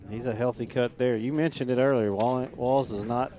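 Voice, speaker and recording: A man calling a high school all-star baseball game play by play, lifting his voice on the big plays. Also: steady tone, mellow. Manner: brisk, lifts in pitch and volume on big plays. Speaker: play-by-play announcer.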